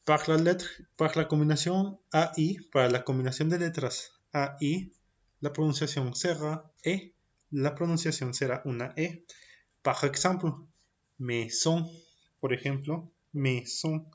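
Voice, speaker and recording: Through dull audio comes a man's voice on the high side, leading a recorded French class for small children. Every point is said first in French and then in Spanish, with slow, deliberate pronunciation drills.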